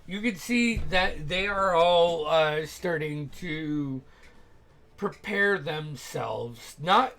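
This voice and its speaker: A man narrating a tabletop game as game master, halting and descriptive as he pauses to think. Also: a little high, animated, fairly bright tone.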